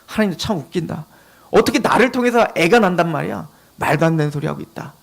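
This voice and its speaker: A man's voice: extremely high pitch, very fast. A man voicing Sarah as a scoffing old woman in a sermon retelling. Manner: scoffing, dismissive.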